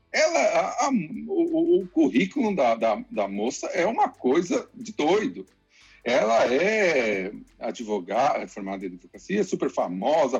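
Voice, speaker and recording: A Brazilian man explaining the economy to listeners in a lively, conversational way, acting out what people say. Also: a little high, husky. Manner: lively explainer, acts out quotes. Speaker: economic commentator. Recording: dull lo-fi sound with faint music.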